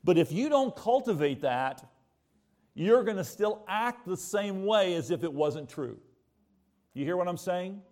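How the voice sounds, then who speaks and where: With lively intonation and a measured pace, this American preacher's high-sitting, somewhat mellow voice carries a conversational sermon. He repeats points for emphasis and asks rhetorical questions.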